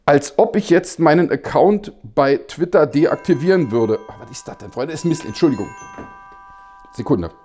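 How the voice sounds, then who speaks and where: A male satire host with a voice that sits a bit high for a man. His delivery is very animated, with big swings in pitch. He talks in an ironic, mock-innocent tone and keeps dropping in chuckles between remarks. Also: normal speed, faint music behind. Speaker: satirical news show host. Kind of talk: satirical news commentary.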